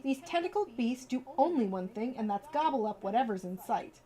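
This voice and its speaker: This livestream host is a woman with a fairly high, dark-toned voice who sounds animated and brisk. She moves between relaxed chat with her viewers, whom she addresses directly, and reading bedtime stories for children aloud.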